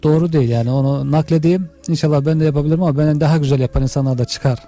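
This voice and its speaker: A man's voice: on the high side, fairly even intonation, rapid-fire, dark tone, faint music behind. A man explaining religion in conversation, earnestly restating his points in small steps. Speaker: religious commentator in a discussion.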